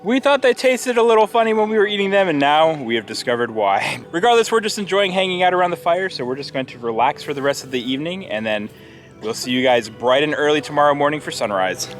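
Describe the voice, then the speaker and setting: A young adult American man hosts a casual vlog outdoors. His voice sits a little high for a man, and he explains things in a chatty, easygoing style. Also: animated, fast talker, soft background music. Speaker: vlog host. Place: outdoors on park trails and at a campground.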